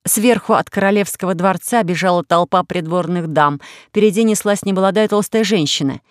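A reader narrating a children's storybook with even, expressive reading. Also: medium pitch, a little fast, dry recording, studio quality. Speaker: audiobook reader.

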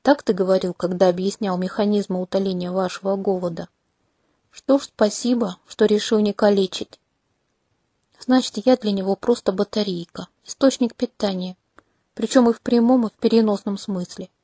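A woman voicing a sharp-tongued young heroine in an audiobook, prickly and ironic in her replies. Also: mid-range voice, fairly even intonation, normal speed, dry recording, clean studio sound, close to an everyday voice.

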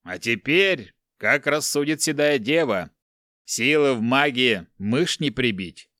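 Man voicing a gruff, mocking giant barbarian. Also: medium pitch, animated, no echo, studio quality. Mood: angry. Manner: slow, loud, folksy mockery.

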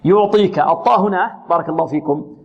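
Male Quran recitation teacher, fairly high voice, patient question-and-answer delivery, slow drawn-out example sounds, dull lo-fi radio sound. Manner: patient, asks questions then answers them himself; repeats sounds and words slowly, drawing them out. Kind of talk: tajweed lesson with recited examples.

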